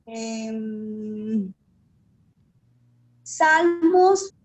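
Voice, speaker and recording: A woman answering a teacher's quiz questions in an online class, slow and hesitant. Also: on the high side, lively intonation. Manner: hesitant, slow, thinking aloud. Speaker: student in the class.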